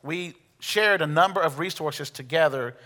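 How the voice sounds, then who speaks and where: An American man in his forties preaching a sermon as a pastor, reading scripture and speaking with emphatic pauses. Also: fairly high pitch, pushed and bright. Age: 40s. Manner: emphatic, rhetorical questions and pauses. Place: large reverberant room before a congregation. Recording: long hall reverb.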